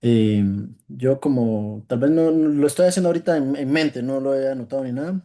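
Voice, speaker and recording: A male student answers a question in class in a mellow, darker voice. He sounds hesitant and unsure, trailing off and restarting his sentences. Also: mid-range voice, brisk.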